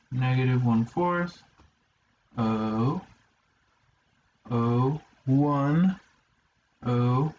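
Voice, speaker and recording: A man's voice: mid-range voice, darkish tone. A man teaching a college math lesson, talking himself through each step with fillers and dry asides. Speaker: math instructor. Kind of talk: lecture. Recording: roomy, slightly dull lo-fi sound with faint hiss.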